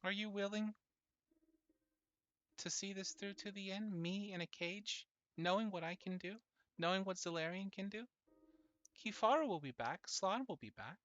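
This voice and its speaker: Tabletop game: the game master doing a booming summoned herald, calm menace, bright and forceful tone. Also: highs cut off, natural voice. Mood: ominous. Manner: booming, measured threats.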